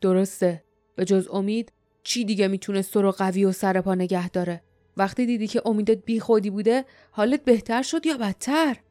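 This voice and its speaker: A woman voicing a stern, cool-headed older male leader, speaking calmly and gruffly with a dry, sardonic edge. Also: mid-range voice, no echo, soft background music, lightly acted.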